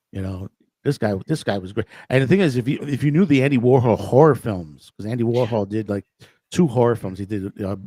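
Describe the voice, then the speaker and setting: A man with a mid-pitched voice hosting a casual online chat show. He rambles and restarts mid-sentence as he tells stories, and the sound is close and dry. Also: mellow, no echo. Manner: rambling, restarts often, storytelling. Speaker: host.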